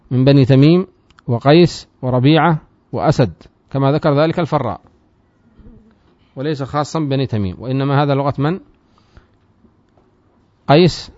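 A man teaching a lesson on a classical grammar text. He reads passages aloud, explains them and puts quick questions to his students. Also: on the high side, a little mellow, no room sound. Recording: slightly dull, dry sound.

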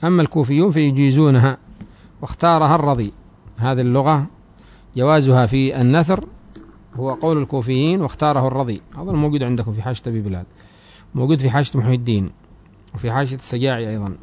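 A man teaching a classical Arabic grammar lesson. He reads the text slowly and deliberately, then explains it more quickly and quietly, asking his students questions. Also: mid-range voice. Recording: dry, dull lo-fi recording.

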